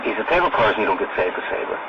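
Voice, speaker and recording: A man's voice: lowish voice, very animated, racing. A middle-aged man with a Belfast accent talking as an informant in a secretly recorded conversation, often checking with "right?". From Northern Ireland. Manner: tags phrases with "right?" and "you know". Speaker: informant being interviewed. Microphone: hidden microphone. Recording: muffled hidden-mic tape with loud noise.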